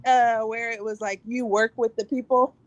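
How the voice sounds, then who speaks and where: A woman's voice: a little high, level tone, normal speed, dry recording, lo-fi sound. A woman sharing her views in an online workshop, candid and chatty, slightly out of breath. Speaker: workshop participant. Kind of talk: casual discussion.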